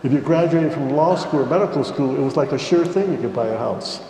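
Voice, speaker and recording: A middle-aged or older man with an American accent gives unscripted, measured and explanatory remarks as a panelist. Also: a little high, warm tone. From United States. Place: large reverberant indoor hall. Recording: echoey hall, faint background noise.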